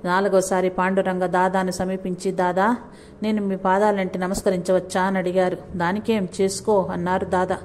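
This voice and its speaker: A woman reading a saint's life story aloud, in a steady, measured way, pausing to correct her own slips. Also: lowish voice, a little hiss or hum. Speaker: narrator reading a saint's biography. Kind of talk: devotional book reading.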